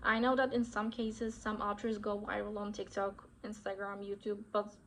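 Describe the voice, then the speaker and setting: A young Turkish woman with a Turkish accent chats casually to the camera in her vlog as an author vlogger. Her mid-range voice stays fairly flat in pitch at a moderate pace, and she keeps correcting herself with "I would say." There's a faint hiss or hum in the recording.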